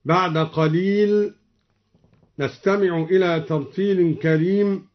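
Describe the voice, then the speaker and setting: A man reciting scripture in slow, melodic chant, with spoken notes explaining variant readings between passages. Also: on the high side. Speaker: Quran reciter. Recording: dull lo-fi old radio recording.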